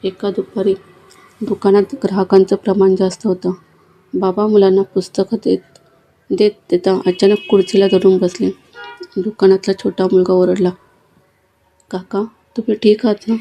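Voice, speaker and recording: A woman narrating an emotional family story in a soft, measured, heartfelt way. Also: medium pitch, little pitch movement.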